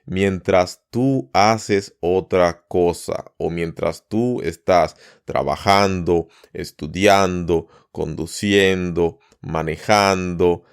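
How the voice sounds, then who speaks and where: A man hosting a podcast lesson, teaching learners at an easy pace and often repeating words or listing them slowly one by one. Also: low-pitched, clear, resonant tone. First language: Spanish. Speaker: Spanish teacher and podcast host.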